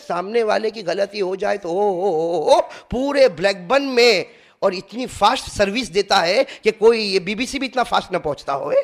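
A man giving an impassioned sermon, swinging from loud to hushed and calling his listeners friends and brothers. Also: extremely high pitch. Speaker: preacher.

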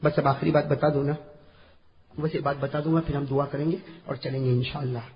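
A man preaching a sermon to a large gathering, dropping to a soft murmur and then rising to fervent shouts as he calls out to his listeners. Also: mid-range voice, flat delivery. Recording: echoey hall, dull lo-fi sound.

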